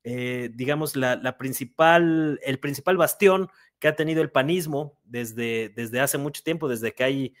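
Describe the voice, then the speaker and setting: A man's voice: mid-range voice, unhurried. A man with a Mexican accent giving political commentary as a journalist guest, with frequent stammered restarts and fillers. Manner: indignant, critical tone.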